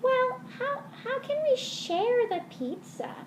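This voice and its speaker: A woman's voice: extremely high pitch, expressive, slow, pitched above the performer's own voice, exaggerated voice. A woman voicing a greedy, cheeky, childlike little character in a children's lesson skit. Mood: whiny. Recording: roomy echo with faint noise.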